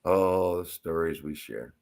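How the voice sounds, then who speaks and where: Profane, excitable male storyteller. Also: low voice, slow, slight background noise. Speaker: co-host. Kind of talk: casual live-stream chat.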